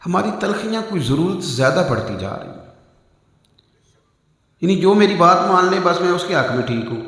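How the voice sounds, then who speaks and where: A man preaching a mosque sermon, telling stories with acted quotes and swinging between loud and soft delivery. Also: medium pitch. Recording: echoey hall reverb.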